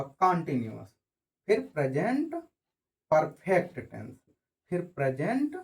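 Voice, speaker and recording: A woman teaching an English grammar lesson to children, asking questions and answering them herself with slow, repetitive drilling. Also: mid-range voice, a little mellow.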